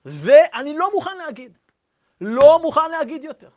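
A man voicing a stubborn, furious old man who shouts and argues, in a dull lo-fi recording. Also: sits high, very animated. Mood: indignant. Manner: shouting, agitated.

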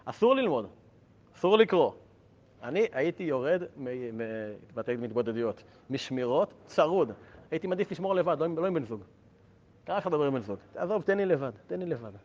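Male Torah teacher, slightly high voice, animated and joking, dull lo-fi recording. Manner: lively, joking with listeners, rhetorical questions.

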